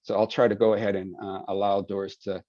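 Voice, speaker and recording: A man with a very deep voice moderates a webinar over a dry, dull video call. He talks in a relaxed, folksy way, full of fillers. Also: fast, no echo. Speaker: webinar moderator and project lead.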